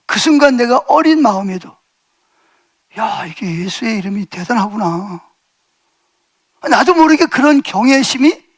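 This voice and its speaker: A middle-aged male pastor preaching a sermon in a church, telling a personal story with vivid re-enactment, shifting between loud exclaims and hushed asides. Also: extremely high pitch. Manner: animated storytelling, shouting re-enacted lines, swings loud to hushed. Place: church sanctuary.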